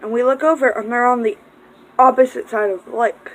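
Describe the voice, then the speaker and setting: A woman's voice: fairly high pitch, steady tone, brisk, low-quality recording. A young woman vlogger telling a rambling, casual story, swearing freely and breaking off for distracted asides.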